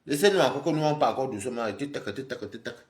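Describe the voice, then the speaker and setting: Animated man ranting on a live stream. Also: medium pitch, quick pace, echoey room. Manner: scolding, animated, repeats himself, talks straight to viewers. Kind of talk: live-stream rant to viewers.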